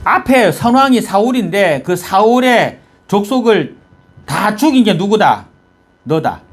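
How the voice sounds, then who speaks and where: A man voicing a bitter old man who taunts and curses a king, in a husky voice. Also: sits high, big pitch swings, measured pace, heavily acted. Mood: cursing, taunting. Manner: shouting insults, taunting.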